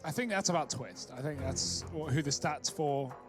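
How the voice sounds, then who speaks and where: A man with a slightly raised pitch talks through esports stats with dry, joking banter. Music runs clearly underneath the broadcast. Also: normal speed. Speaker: esports caster. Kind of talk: match commentary and banter. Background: music under the commentary.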